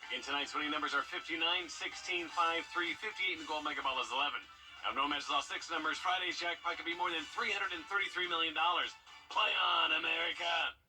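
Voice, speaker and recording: A man's voice: on the high side, fast talker, rough recording. A man working as a lottery draw host, announcing numbers in a scripted, presentational way. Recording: loud music bed behind voice. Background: music.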